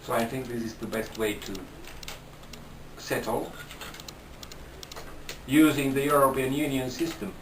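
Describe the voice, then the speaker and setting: Far from the mic in an echoing room, with slight background noise, a Finnish man gives a casual interview in English. His middle-range voice moves slowly and haltingly, and he keeps starting his sentences over.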